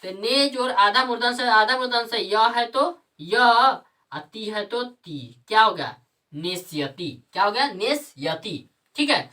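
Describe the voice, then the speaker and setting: Woman, grammar teacher, bright tone, question-and-answer style, distant mic. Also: fairly high pitch. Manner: asks and answers her own questions, repeats key terms. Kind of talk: classroom lesson with call-and-response questions.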